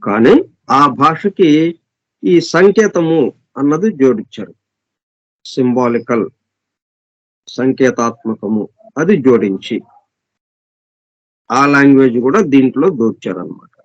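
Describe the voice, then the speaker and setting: Guy teaching a scripture lesson, slow and deliberate, keeps listing similar words, dull dry lo-fi sound. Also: medium pitch, animated, no echo. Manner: repeats and lists synonyms, slow and deliberate; reads English passages slowly. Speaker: spiritual teacher.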